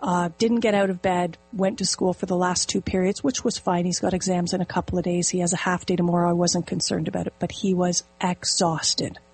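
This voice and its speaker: A middle-aged woman telling a personal story in casual conversation, animated and vivid. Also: on the low side, fairly quick, hardly any pauses, husky, poor audio. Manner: animated, storytelling with quoted inner speech. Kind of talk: casual chat.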